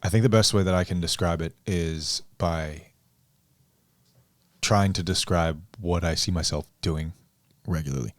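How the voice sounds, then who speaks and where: A man and coach on a podcast conversation, explaining ideas in a measured, thoughtful way. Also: low voice, dry recording, studio quality. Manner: measured, thoughtful, deliberate phrasing.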